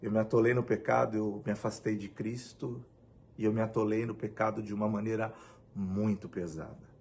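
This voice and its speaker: A man's voice: on the low side, steady tone, moderate pace, vocal fry, darkish tone, slight background noise. A middle-aged pastor from Brazil giving an emotional personal testimony, acting out the dialogue as he tells it.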